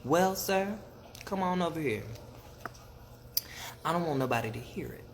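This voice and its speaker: A sly, boastful rabbit played by a storyteller talks, pitched up from narration. The folktale trickster sounds confident, recorded with clear noise. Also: animated, normal speed, lightly acted. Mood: scheming. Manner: folksy, confident, scheming.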